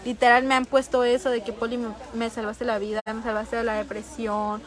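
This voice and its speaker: A young Mexican woman with a notably high voice talks in a bubbly, gushing way as she does her makeup live. She chats warmly and quickly with fans, reading their comments and thanking them over and over. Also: level tone. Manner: bubbly, effusive, chatty with fans. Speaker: makeup streamer. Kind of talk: casual live-stream chat. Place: small table in a corner of a public venue.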